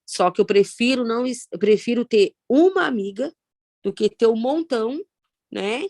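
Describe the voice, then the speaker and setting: A Brazilian woman in her thirties with a Brazilian Portuguese accent, telling her own story of loss in a halting, reflective way with many pauses and fillers. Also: a little high, a little mellow, no room sound. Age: 30s. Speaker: guest sharing personal story. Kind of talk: emotional personal testimony.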